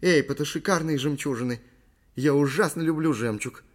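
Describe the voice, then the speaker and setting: A man's voice: a little high, moderate pace, voice pushed up, lightly acted. A man voicing a frightened, whiny young actress in an audiobook, whimpering and pleading.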